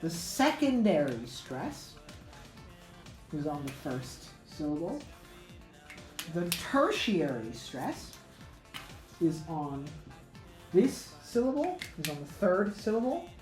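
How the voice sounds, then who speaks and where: A woman's voice: lowish voice, very animated, slow pace, pauses often, a little mellow, echoey room, soft background music, poor audio. A woman teaching English pronunciation in a casual lesson, thinking aloud with many fillers and self-corrections.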